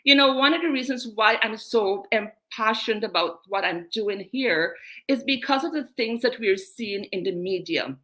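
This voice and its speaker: A woman with a slightly high, lively voice and a sharp tone speaks at a normal pace. Born in England and raised in Guyana, she is a menstrual wellness coach hosting an online group, presenting emphatically and repeating key phrases.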